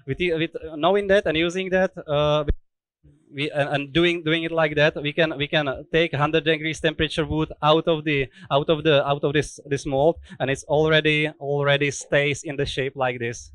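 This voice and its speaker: A man's voice: on the high side, fairly bright tone, no room sound, rough recording. A man in his thirties, a native Czech speaker talking in English, explaining guitar making on a factory tour through a headset mic, with many restarts and fillers. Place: indoor guitar workshop.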